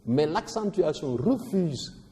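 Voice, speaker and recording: Animated teacher in a reverberant room. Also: male voice, on the high side, slow pace. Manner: animated, stressing syllables, often restarting words. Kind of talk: explaining a poetry lesson. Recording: long reverb.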